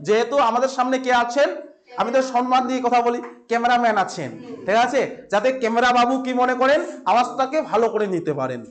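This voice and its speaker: A man's voice: very high-pitched, fast. A man with a West Bengal Bengali accent teaching an exam-prep class in a filmed classroom. He quizzes his students, repeats each answer and adds playful asides.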